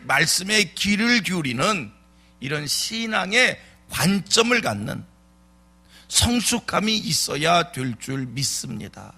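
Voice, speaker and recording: A pastor preaches a dawn sermon in the church sanctuary, his voice on the high side, pushed and bright. He presses his message with rhetorical questions asked again and again, leaning on emphatic repetition.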